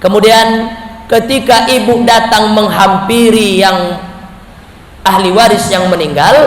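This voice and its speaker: A male preacher gives a lively sermon, asking and answering his own questions and acting out the voices he quotes. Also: high-pitched. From Indonesia. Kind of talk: lively sermon to a live audience. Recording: echoey hall with faint noise.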